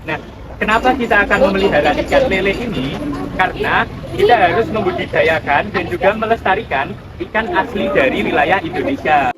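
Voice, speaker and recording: A man's voice: high voice, expressive, brisk, loud music behind the voice. Young male teacher in a roomy classroom. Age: young adult. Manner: addresses pupils directly, asks questions. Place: school classroom. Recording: roomy classroom audio, mic far off.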